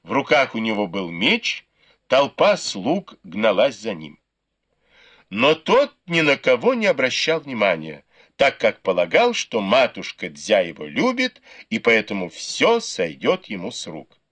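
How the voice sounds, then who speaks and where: Expressive male audiobook narrator. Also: lowish voice, measured pace. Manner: expressive storytelling reading. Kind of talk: scripted narration.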